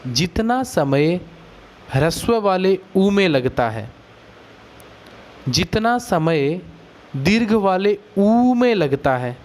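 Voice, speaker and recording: A man's voice: high voice, very animated, darkish tone. A man teaching a Sanskrit grammar lesson, explaining patiently and stretching out vowel sounds to demonstrate them. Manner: patient, drawn-out, demonstrates vowel lengths aloud.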